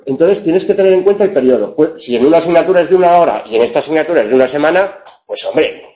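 A man's voice: fairly high pitch, animated, very fast, dark tone, muffled recording. A man teaching a university class, wry and digressive, often restarting his sentences. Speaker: university tutor. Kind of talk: classroom lecture with questions.

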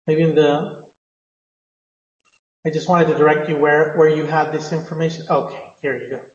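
Male lecturer, high-pitched, hesitant and stop-start while explaining a course, recorded in a very reverberant room. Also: steady tone. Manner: halting, hesitant delivery with frequent filled pauses and repeats. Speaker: university language teacher. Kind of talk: online lecture, improvised explanation. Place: indoor room, teaching a live online class. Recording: echoey reverberant room, muffled audio.

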